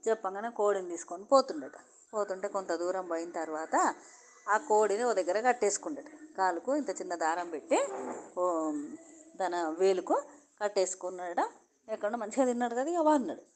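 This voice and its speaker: A woman's voice: mid-range voice, a little fast, a little hiss or hum. Telangana woman telling a folk tale. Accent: Telangana Telugu. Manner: conversational, repetitive, lively telling. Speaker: storyteller.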